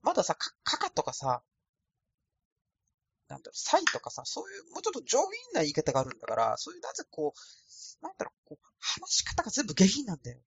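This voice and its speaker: Rambling Osaka man with a thin, husky voice. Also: sits high, wildly swooping pitch, fast talker. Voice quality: thin, light voice. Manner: rambling, self-deprecating and casual. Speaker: podcast host. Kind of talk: solo podcast monologue. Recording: dry, no added echo.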